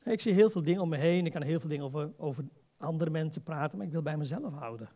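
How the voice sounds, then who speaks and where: A man's voice: on the high side, expressive, quick pace, warm tone. A man preaching an informal, conversational sermon as a pastor, exhorting his listeners and putting rhetorical questions to them.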